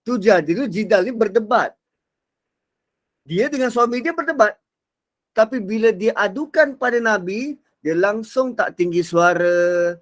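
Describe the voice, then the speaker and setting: A male religious teacher, lecturing on a Quran passage. His voice sits fairly high for a man. He moves between hushed, low moments and loud, lively emphasis. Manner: expressive, acts out quotes, shifts between soft and loud.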